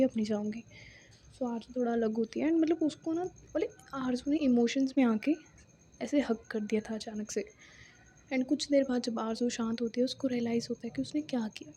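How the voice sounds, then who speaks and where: A woman with a fairly high, warm, slightly rough voice tells a romance story. She's chatty and casual, leans heavily on informal fillers, and talks to her listeners in an offhand way.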